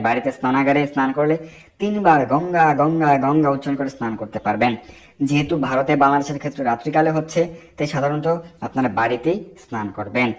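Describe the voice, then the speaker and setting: A man giving devotional ritual instruction in a firm, teaching manner, slowing down to chant Sanskrit mantras in a measured way. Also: medium pitch. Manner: firm, didactic and prescriptive. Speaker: Vaishnava religious instructor.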